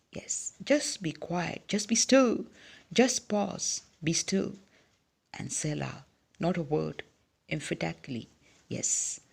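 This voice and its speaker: A preacher with a medium-pitched, gravelly, husky voice gives an emphatic devotional sermon. Between phrases he inserts a steady "yes," and his delivery swings between quiet asides and sudden bursts of loud emphasis.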